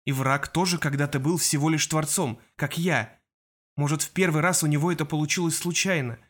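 A man reading an audiobook voices a steady, loyal teenage boy who speaks calmly and reassuringly. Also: on the high side, brisk.

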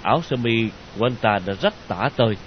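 Lively male audiobook storyteller. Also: medium pitch, fast talker, muffled recording, slight background noise. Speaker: audiobook narrator. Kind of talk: storytelling narration.

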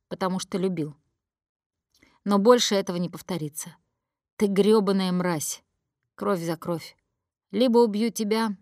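A woman's voice: medium pitch, dry recording, studio quality, lightly acted. A woman reading an audiobook voices a young male gang leader who taunts and threatens in a cold, bitter tone. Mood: cold, menacing.

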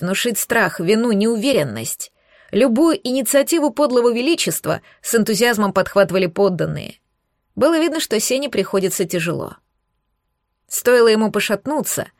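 A woman narrating a fantasy audiobook in the first person, reading in a lively, dramatic way. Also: fairly high pitch, no room sound, studio quality.

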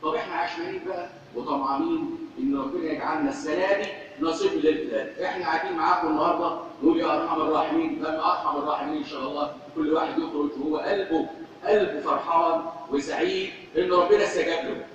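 Rapid-fire and steady in tone, this Egyptian-accented preacher's fairly high, bright voice drives a fervent, repetitive sermon aimed at his congregation. Heard from a distance in a dull, echoey hall, the recording has slight background noise.

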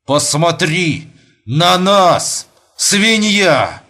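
A man's voice: fairly high pitch, sing-song, unhurried, bright, forceful tone, voice pushed up, exaggerated voice. A man voicing a domineering host who turns cruel on his wife, speaking in a commanding, cutting way. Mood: harsh, menacing. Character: stern domineering host, father, turning cruel.

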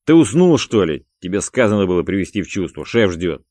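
Calculating male gangster, dry and curt, voiced by a man with a deep, louder-than-narration delivery. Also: animated, normal speed, no echo. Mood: angry. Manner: dry, curt, mocking, snapping when angry. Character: cool, calculating male gangster boss of the pair.

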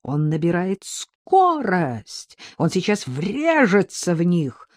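The audiobook narrator voicing Artyom, an anxious young man keeping watch, hushed and strained. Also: mid-range voice, measured pace, no room sound, natural voice. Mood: tense.

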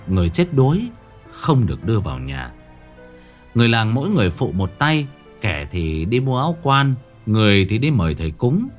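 Lively male ghost story narrator. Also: on the low side.

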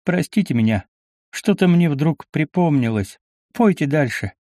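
A man's voice: on the high side, lively intonation, measured pace, mellow, no echo, clean studio sound, voice pushed up. A man voicing an earnest, polite young knight in an audiobook. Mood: moved. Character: young knight, emotional but cheerful.

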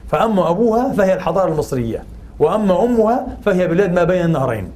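A man giving a religious and cultural lecture, posing rhetorical questions and pausing on filler sounds. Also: high voice, big pitch swings, a little mellow.

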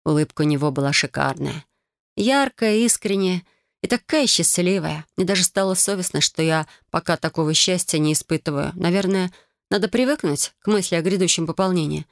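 Brief: woman audiobook narrator, lowish voice, dry close recording. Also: a little fast, creaky, no echo. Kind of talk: first-person audiobook narration.

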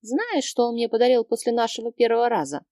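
A woman's voice: a little high, lively intonation, fast, mellow, no echo, clean studio sound, lightly acted. A woman voicing a brash young female friend who snaps back bluntly, in an audiobook reading. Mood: defensive. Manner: snapping, blunt.

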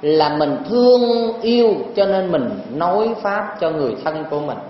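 A man's voice: high voice, lively intonation, moderate pace. A male monk with a Southern Vietnamese accent gives a folksy, teasing dharma talk and keeps putting questions to the audience, in a very echoey temple hall. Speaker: Buddhist monk teacher. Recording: very echoey hall, dull lo-fi sound, faint noise.

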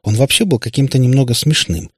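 A man narrating an audiobook in a calm, even storytelling manner. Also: mid-range voice, quick pace, breathy edge, no room sound, clean studio sound. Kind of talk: scripted narration.

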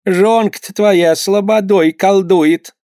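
A man reading an audiobook and voicing a fretful elderly mother who pleads slowly with her grown son. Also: sits high, fairly even intonation, darkish tone, dry recording, clean studio sound, voice pushed up. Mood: pleading. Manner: slow, wheedling.

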